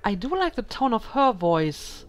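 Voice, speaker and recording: A woman hosting a casual let's play, musing out loud in a thoughtful, hesitant way with lots of ums, recorded at home. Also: fairly high pitch, very animated, unhurried, a little hiss or hum. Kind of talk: casual gaming commentary.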